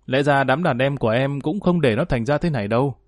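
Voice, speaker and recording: A man's voice: mid-range voice, fairly quick, no echo, natural voice. A man voicing a sly, cruel male gang boss who taunts with false politeness, recorded dry. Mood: smug taunting.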